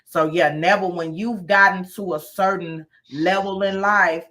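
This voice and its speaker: A woman gives live advice as host. Her voice is bright and forceful, and her delivery is emphatic and folksy, with key phrases repeated. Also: lowish voice, fairly even intonation, a little slow. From Louisiana, USA. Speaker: host, mental health professional.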